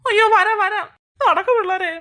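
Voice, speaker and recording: A woman's voice: very high-pitched, normal speed, pushed and bright. Woman playing a fretting old grandmother. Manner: anxious, exclaiming. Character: worried elderly grandmother, fretting over the children. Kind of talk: Malayalam kids' fan drama.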